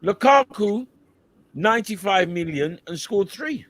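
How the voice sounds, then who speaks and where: A cheeky man banters on a football podcast and gives shout-outs to viewers. His voice is high for a man. He jokes and needles the others. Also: animated, unhurried, no room sound. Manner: cheeky, bantering, reads out comments. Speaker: co-host.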